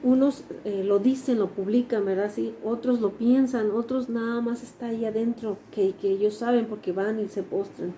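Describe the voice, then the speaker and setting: A woman's voice: on the high side, steady tone, normal speed, few pauses, mellow, slight background noise, low-quality recording. A woman with a Mexican accent teaching a Sunday school class, reading scripture aloud and explaining it, often adding tag questions. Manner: reads verses aloud, then explains them with tag questions. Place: church classroom.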